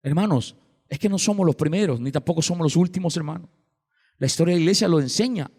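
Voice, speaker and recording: A male pastor with a Salvadoran Spanish accent preaches an impassioned sermon in a large church sanctuary, calling out to the congregation with repeated refrains. His voice is fairly high, warm and breathy-edged, and he talks fast, with the long reverb of a church hall.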